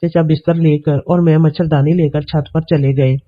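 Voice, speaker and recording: A man narrating a scripted story, reading steadily and evenly in a voice that sits fairly high for a man. The sound is narrow and tinny, like a phone line. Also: flat delivery.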